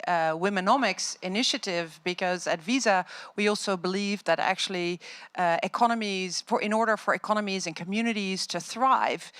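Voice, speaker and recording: Smooth, lowish-voiced woman speaking earnestly. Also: a bit bright. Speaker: panelist, corporate executive. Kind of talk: panel talk, professional.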